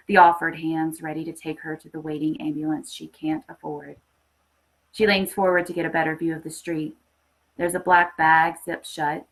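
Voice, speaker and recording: Poor audio captures a woman with a low-sitting voice who hosts a story podcast. She opens with a dramatic reading, then turns to enthusiastic, chatty live hosting.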